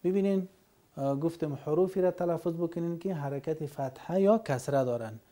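A man teaching Quran reading in a recorded lesson, sounding out letters and syllables slowly one by one. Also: fairly high pitch, warm tone. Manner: slow, drawn-out syllable drills.

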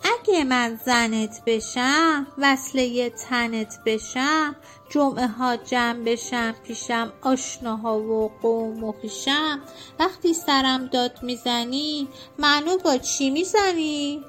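A woman's voice: sits high, a bit bright, faint music behind. A woman voicing a vain young female cockroach in a children's story, speaking in a haughty singsong way. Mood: indignant.

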